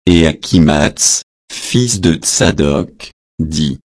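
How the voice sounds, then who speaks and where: A man reads scripture aloud in a very low voice. He takes it slowly and evenly and calls out each set of verses. The sound is close and dry, with no room around it. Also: animated, no room sound. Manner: slow, measured reading that announces verse numbers. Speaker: scripture reader. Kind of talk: scripted Bible reading.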